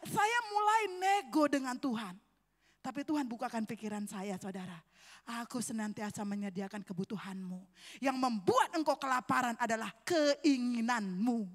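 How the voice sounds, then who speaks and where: A woman preacher giving an animated sermon in a church, switching between loud exclamations and quiet, low asides while often addressing the congregation. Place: church sanctuary. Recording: reverberant church hall.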